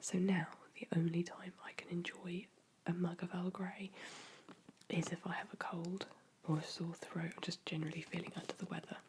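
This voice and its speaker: A woman whispering softly and caringly in an ASMR chat, her throat sore and dry from a cold. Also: fairly low pitch, flat delivery, moderate pace, noisy background. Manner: soft, intimate, caring whisper. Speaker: ASMR creator. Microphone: close microphone.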